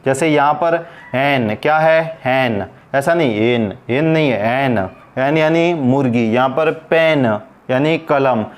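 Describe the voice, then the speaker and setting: A man's voice: medium pitch, slow pace. A man teaching an English pronunciation lesson, asking questions and answering them himself as he repeats each word.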